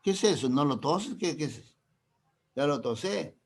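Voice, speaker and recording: A middle-aged man, teaching a classroom grammar lesson. He keeps checking that the class understands with quick questions and uses playful, teasing examples. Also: a little high, expressive, slightly rough. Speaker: language teacher.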